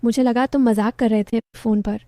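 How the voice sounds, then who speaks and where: A woman's voice: on the high side, fairly even intonation, normal speed, warm tone, no echo, natural voice. A woman voicing a playful young wife who teases her husband and brushes off her sister. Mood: teasing. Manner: teasing, brushing off questions.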